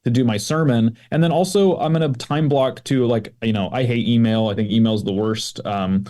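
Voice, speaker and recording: Easygoing pastor with a mellow voice. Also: male voice, medium pitch, moderate pace. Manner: easygoing, loose and chatty. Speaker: pastor, podcast guest. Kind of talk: casual conversation.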